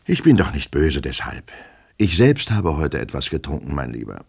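A man voicing a fretful, fussy middle-aged male clerk who turns shrill and anxious when scolding. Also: big pitch swings, moderate pace, creaky, a little mellow, slightly rough, heavily acted. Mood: wheedling.

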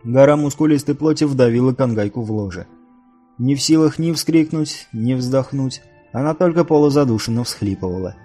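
A male audiobook reader narrating a fantasy novel in an even, measured way. His voice is dark and mellow, and soft music plays faintly underneath. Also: mid-range voice.

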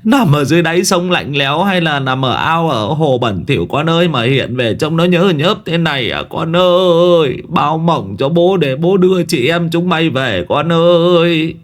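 A man's voice: animated, very fast, hardly any pauses, a little mellow, close to an everyday voice. A man doing a wailing panicked old villager. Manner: wailing, pleading, pitch leaping high.

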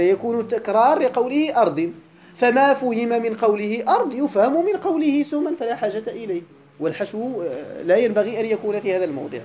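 A man with a Moroccan accent teaching grammar in a classroom lecture. He keeps checking that his students follow and repeats example words slowly for emphasis. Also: very high voice, darkish tone, a little hiss or hum. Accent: Moroccan Arabic.

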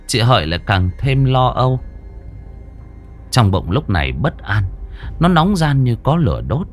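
A man narrating a horror story with dramatic expression. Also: fairly low pitch.

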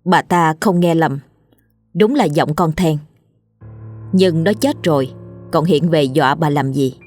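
A woman storyteller narrating a scripted ghost story in a steady, grave way. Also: deep voice, measured pace, soft background music.

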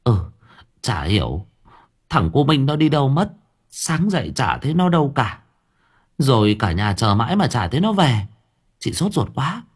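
A man voicing a distraught middle-aged village mother, with a high, wailing and anxious voice. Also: very animated, normal speed, pauses often, slightly rough.

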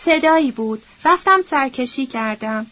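Woman narrator doing a proud, worn-out young man, curt and stern; storybook, high voice, muffled sound. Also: animated. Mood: curt angry. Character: weary, bitter young man, tense and proud. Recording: dull lo-fi recording.

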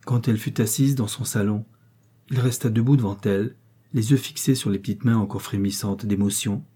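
Male audiobook narrator, measured literary reading, dark and husky timbre. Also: on the low side, steady tone. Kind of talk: scripted narration of a novel.

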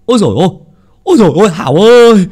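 A man's voice: high voice, animated, very fast, darkish tone, husky, voice pushed up, heavily acted. A man voicing a distraught old village man who cries out in lament. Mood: wailing.

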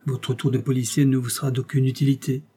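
A violent circus clown, as a man reads him aloud, spitting sarcastic defiance in a raised, forceful, husky voice. He pitches his voice higher and louder than the narration, mellow in tone yet rough at the edges. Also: level tone, quick pace, lightly acted. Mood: defiant. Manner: sarcastic, raging, then pleading.

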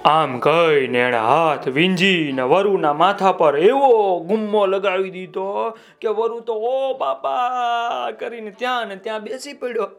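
A man telling a children's story in a playful, expressive way. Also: high voice, measured pace, hardly any pauses.

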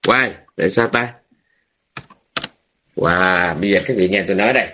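A man, a Buddhist monk giving a dharma talk with drawn-out phrases, many hesitant fillers and rhetorical questions to his listeners. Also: deep voice, sharp tone, dull audio, slight background noise. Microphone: online room.

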